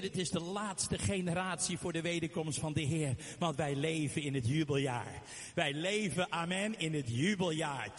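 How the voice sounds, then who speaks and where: Fervent high-voiced preacher. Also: male voice. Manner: fervent, emphatic preaching with frequent amens and hallelujahs. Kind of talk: sermon. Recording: long hall reverb.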